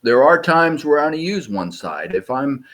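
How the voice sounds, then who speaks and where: A man answering interview questions, explaining search methods in a practical, measured way. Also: medium pitch, big pitch swings, a bit bright. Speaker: sonar search trainer.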